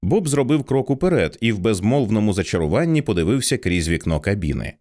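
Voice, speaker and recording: Casting: male audiobook narrator, low voice, lively dramatic intonation. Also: fast talker. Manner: expressive, dramatic reading.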